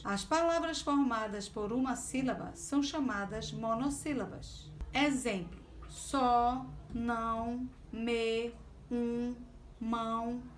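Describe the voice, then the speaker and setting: A woman's voice: a little high, a little hiss or hum. A woman from Brazil teaching a class, explaining patiently and step by step. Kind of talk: remote class lesson.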